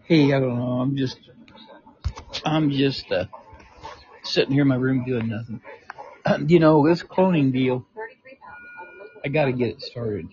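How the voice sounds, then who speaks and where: A man's voice: medium pitch, a little slow, long pauses, darkish tone, slightly rough. An older man in a hospital room recording a rambling personal audio diary, out of breath and joking between wheezes. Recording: muffled lo-fi recording.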